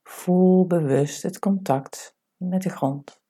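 A woman leading a guided meditation in a soft, breathy voice, giving calm, soothing instructions with unhurried pauses. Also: fairly low pitch.

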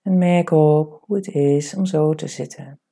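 A woman guides a meditation in a deep, very dark voice. There is gravelly fry in her soft, breathy delivery. She gives calm, soothing instructions and leaves unhurried pauses between them.

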